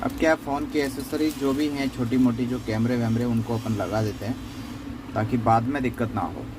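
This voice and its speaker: Heavy background noise surrounds this man's medium-pitched, steady voice, delivered at a normal pace. As a phone repair tutorial host, he talks through an unscripted repair one step at a time, conversational and explanatory, with plenty of repetition.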